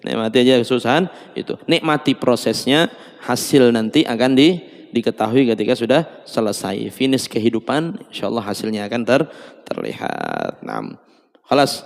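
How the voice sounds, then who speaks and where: Male preacher, mid-pitched, jokey and chuckling, long mosque reverb. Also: sing-song, moderate pace, gravelly. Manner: joking, laughing often, mixing Javanese words. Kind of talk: mosque study sermon.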